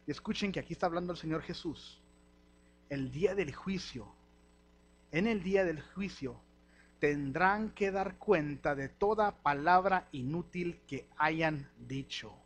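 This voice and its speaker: A middle-aged man with a Mexican Spanish accent delivers a sermon. His voice sits a little high, and his manner is lively and full of slang. He keeps slipping into the voices of the people he quotes. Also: measured pace. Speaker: preacher.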